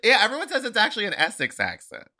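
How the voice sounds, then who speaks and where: Very bright, animated American man chatting. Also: sits high, fast. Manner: animated, sweary. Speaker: podcast host, drag performer. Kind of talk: casual comic chat.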